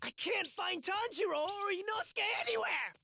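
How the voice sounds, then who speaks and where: A man's voice: lively intonation, moderate pace, gravelly, pushed and bright, roomy sound, in a large hall, heavily acted. An actor voicing a cowardly, whiny teenage boy demon slayer in a video game cutscene, panicky and self-pitying. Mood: panicked. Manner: panicky, shrill and self-pitying, shrieks often.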